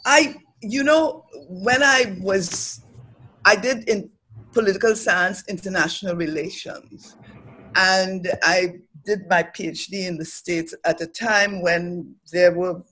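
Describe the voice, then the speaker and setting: A middle-aged Trinidadian woman, an academic and development professional, speaks slowly as a thoughtful, earnest guest in a reflective interview. Her low-leaning voice sounds pushed and bright with a breathy edge, and the recording quality is low.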